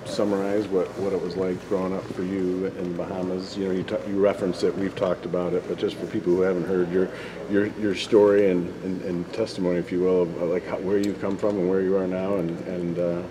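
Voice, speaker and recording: A man working as a sports reporter, asking a long, halting interview question with many fillers. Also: low voice, little pitch movement. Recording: noisy, off-mic.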